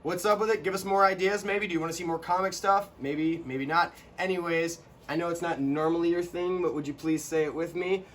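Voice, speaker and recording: Young man, casual chat, animated, fairly high pitch, light ambient hiss. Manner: animated, quick to laugh, bursts into quoted lines. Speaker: co-host.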